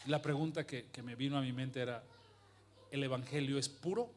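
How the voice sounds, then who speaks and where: A man preaching a sermon with passion, asking rhetorical questions and swinging from hushed to loud. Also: medium pitch, fairly even intonation, a little fast, a little hiss or hum.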